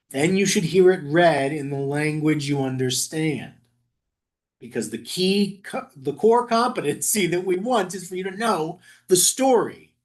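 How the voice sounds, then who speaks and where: Lively man teaching a Talmud class. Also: a little high. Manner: lively, chatty, laughs at the text, stumbles over Aramaic words. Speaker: rabbi leading a Talmud study group. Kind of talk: informal teaching. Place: synagogue study room.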